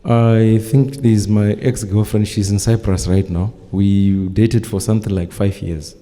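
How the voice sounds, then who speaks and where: A man's voice: lowish voice, fairly even intonation, a little slow, warm tone. A man from Zimbabwe, answering a prophet with short, agreeable replies during a church service. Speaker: congregant receiving prophecy. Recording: church hall reverb with congregation.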